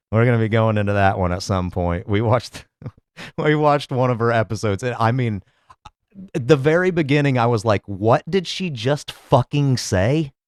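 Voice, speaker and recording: A man's voice: lowish voice, clear, resonant tone, dry recording, clean studio sound. A man hosting a solo podcast, talking in a sarcastic, profane, rambling way. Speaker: podcast host. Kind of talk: casual solo podcast commentary.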